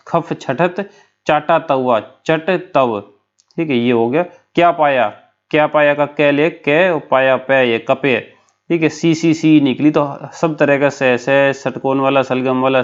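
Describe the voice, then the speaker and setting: A man's voice: mid-range voice, clear, resonant tone, lo-fi sound. A man teaching a lesson for an exam, explaining step by step with a memory story and often checking in with his listeners.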